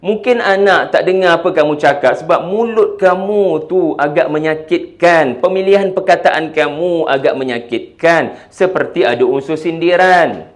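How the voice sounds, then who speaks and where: A man with a Malaysian Malay accent giving a religious lecture, moving between loud, emphatic points and quiet, soft talk, with English words mixed in. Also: a little high, normal speed, hardly any pauses. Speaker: Islamic preacher.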